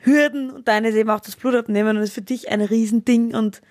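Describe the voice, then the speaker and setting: A woman, co-hosting a podcast, listening closely, asking quick questions and sharing her own view. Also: a little high, steady tone, darkish tone, no room sound, studio quality. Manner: engaged listener, frequent backchannel, quick questions. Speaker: podcast co-host. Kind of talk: casual chat.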